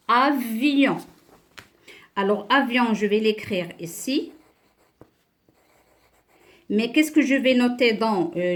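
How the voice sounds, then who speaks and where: A woman teaching a beginner French class, speaking slowly and patiently, spelling out letters and syllables and checking understanding with questions. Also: on the high side. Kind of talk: beginner French lesson at a board.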